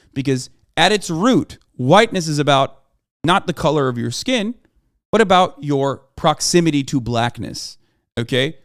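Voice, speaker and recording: A man from Turkey, streaming live, lectures his chat emphatically about his view, often checking in with "okay?" and swearing for emphasis. His voice is fairly high-pitched, and the studio-quality recording has no room sound.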